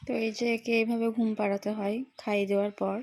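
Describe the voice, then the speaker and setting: Quick-talking young mother vlogging at home. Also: fairly high pitch, little pitch movement, a little mellow. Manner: quick, chatty, explains her routine to the viewers. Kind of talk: casual vlog narration to viewers.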